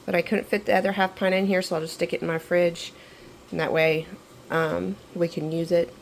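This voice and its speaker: Low gravelly woman teaching home canning. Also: fairly quick, slight background noise, poor audio. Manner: relaxed, instructive, repeats reminders. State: getting over an illness, flat voice. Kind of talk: casual step-by-step kitchen tutorial. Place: home kitchen.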